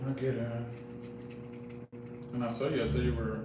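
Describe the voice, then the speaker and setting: A male barber chats easily with a client, asking short, plain questions. He sounds far from the mic in a very echoey room, with a clear buzzing hum behind him. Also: medium pitch, little pitch movement, normal speed. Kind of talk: casual chat.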